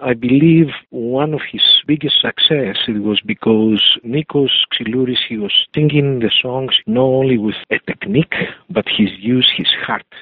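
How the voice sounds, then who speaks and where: A man with a Greek accent giving an earnest, halting spoken tribute, often repeating phrases. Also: medium pitch, gravelly, slightly rough, dry recording. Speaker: community association president giving a tribute. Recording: tinny, dry phone-like line.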